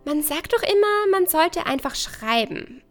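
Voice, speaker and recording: A woman's voice: very high-pitched, expressive, a little slow, soft background music, voice pushed up. A woman voicing a playful, frank young stranger in a read-aloud story. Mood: teasing. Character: teasing, easygoing young stranger by a lake.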